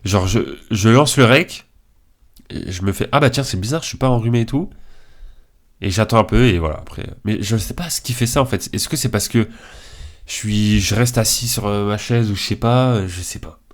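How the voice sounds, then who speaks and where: This video creator is a young man whose fairly low voice moves at a moderate pace. Stuffed up from a cold, he offers loose, slang-heavy tier list remarks in a halting, offhand way.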